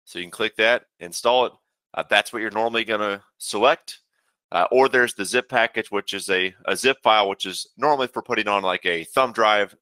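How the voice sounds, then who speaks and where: A man giving a casual webinar walkthrough of a program as a software trainer, talking steadily with frequent "uh" fillers. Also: lowish voice, fairly quick, no room sound.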